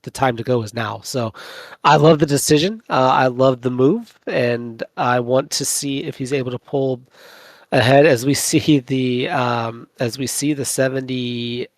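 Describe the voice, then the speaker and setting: A male race commentator calling a long sim race live, enthusiastic and a little sleepy, who often repeats words when excited. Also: medium pitch, unhurried, no room sound. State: sleepy late in a long broadcast.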